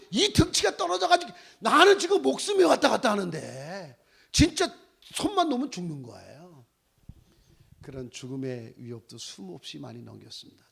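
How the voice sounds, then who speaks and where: A man in his sixties preaches as a missionary, spinning personal stories with exclaiming, animated delivery. His voice sits high and swoops widely in pitch. It has a gravelly, husky grain. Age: 60s. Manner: animated storytelling, exclaiming and laughing often.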